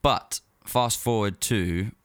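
A man hosting a music show, talking casually on his own in an informal, halting, rambling way. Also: lowish voice, clean tone, no room sound. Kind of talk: casual solo talk about music.

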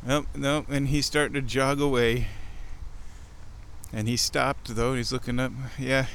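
A man's voice: mid-range voice, flat delivery, a little slow, fairly bright tone. A man hosting a casual show, narrating his walk outdoors in a rambling, observational way. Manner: rambling observational chat while walking. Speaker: podcast host and chairman. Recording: breezy outdoor noise while walking. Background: light wind and outdoor ambience.

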